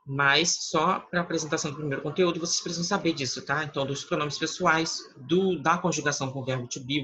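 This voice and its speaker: A man with a Brazilian Portuguese accent, explaining English grammar in a slow, patient lesson and checking often that students follow. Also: on the high side, pushed and bright, slightly rough, low-quality recording. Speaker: English teacher. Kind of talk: online class explanation.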